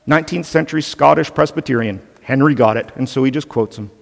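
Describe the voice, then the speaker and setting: A man's voice: medium pitch, quick pace, creaky. Guy pastor preaching earnest and emphatic, long echo like a big sanctuary. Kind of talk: sermon.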